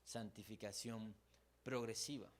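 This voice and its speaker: A man's voice: fairly low pitch, steady tone, unhurried. A man with a Mexican accent preaching a sermon as a pastor, emotive, acting out the struggles of his listeners.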